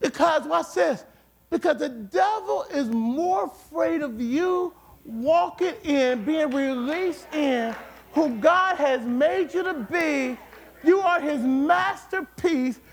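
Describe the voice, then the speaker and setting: A man preaching a sermon with emphatic repetition, at times rising to shouts. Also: extremely high pitch, lively intonation, takes it slowly, gravelly. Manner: emphatic, repeats words, rises to shouts.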